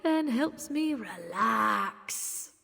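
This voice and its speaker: An actress voices a tipsy, flirtatious, boastful female elf circus performer in a video game, teasing and playful, slow and languid. Her fairly high voice is animated, pushed and bright, with vocal fry, a breathy edge and exaggerated delivery. Slight hall reverb and game music sit behind her.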